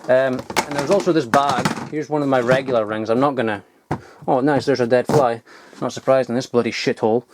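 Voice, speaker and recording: Over very noisy audio, a vlogger with a mid-range voice and fairly even intonation talks a little fast as he searches a cluttered loft. He shows off old toys in a rambling way, full of fillers, tangents and swearing.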